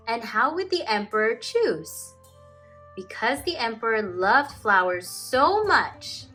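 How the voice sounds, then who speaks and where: A woman teacher reads an expressive children's storybook aloud to kids, unhurried and deliberate. Her slightly high voice has very animated intonation that rises and falls to emphasize phrases, and music plays in the recording.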